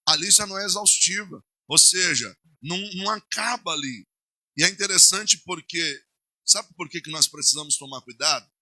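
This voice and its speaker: A male pastor with a Brazilian Portuguese accent preaching a sermon, swinging between loud declarations and hushed asides. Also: fairly high pitch, moderate pace, husky, no echo.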